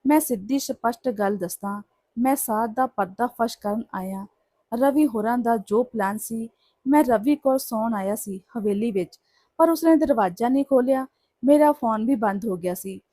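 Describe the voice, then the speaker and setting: An earnest young man pleads in a hushed rush and explains himself urgently, as a woman storyteller reads his lines. The voice is mellow and a bit raised, with a dry, close sound. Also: a little high, moderate pace, no room sound, lightly acted.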